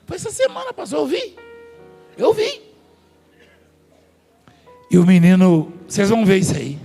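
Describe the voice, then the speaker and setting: A man with a high, warm, gravelly and husky voice delivers a sermon in a large church hall at a moderate pace, his pitch swinging hugely. Telling stories and joking with the congregation and staff, he is recorded with long hall reverb and faint music.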